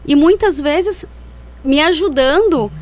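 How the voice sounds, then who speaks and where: High-voiced woman explaining as an interview guest. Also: expressive, takes it slowly, darkish tone.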